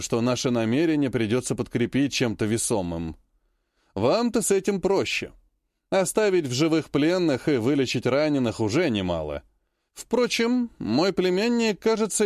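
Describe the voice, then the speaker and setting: A man narrating a fantasy audiobook and voicing each character with changes in pitch and pace. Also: a little mellow, no echo, clean studio sound. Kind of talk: audiobook reading with character voices.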